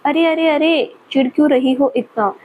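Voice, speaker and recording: A woman's voice: high-pitched, normal speed, phone-quality sound, a little hiss or hum, voice pushed up, close to an everyday voice. A woman voicing a playful, mischievous young male professor who teases and laughs at his student. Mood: teasing. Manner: teasing, laughing at her.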